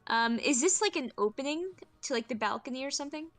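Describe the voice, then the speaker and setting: A woman's voice: sits high, lively intonation, quick pace, fairly bright tone, dry recording. A woman playing a tabletop game, talking hesitantly with many fillers. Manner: hesitant, many ums and likes. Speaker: player. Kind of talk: casual game chat.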